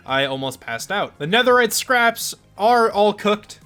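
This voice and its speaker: A young man with a fairly high voice talks through his gameplay in a loose, rambling way, full of likes and ums. He sounds stuffed up and congested. Faint music plays underneath. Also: big pitch swings, a little slow, pushed and bright. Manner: chatty, rambling, lots of fillers. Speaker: gaming channel host. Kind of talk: casual let's play commentary.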